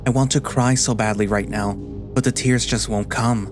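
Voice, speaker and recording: A man playing a weary, guilt-ridden animal sailor, narrating a first-person story in a quiet, subdued, slow and deliberate way. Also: medium pitch, steady tone, over music, natural voice. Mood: brooding, weary.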